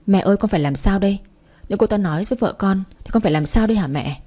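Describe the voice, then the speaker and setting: A woman reading the part of an anxious, weak-willed young husband who pleads with his mother in a flustered way, in a mellow voice. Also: medium pitch, rapid-fire, lightly acted.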